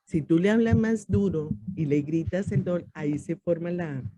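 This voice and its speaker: A woman teaching a church discipleship class, calm and measured, often dropping to a soft voice and acting out short everyday exchanges. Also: fairly low pitch, noisy background.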